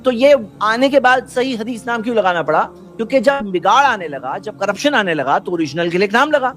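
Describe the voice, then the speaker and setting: A man's voice: high-pitched, lively intonation, a bit bright. A man giving an earnest religious talk who keeps asking rhetorical questions and quotes Arabic before explaining it. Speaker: Islamic preacher.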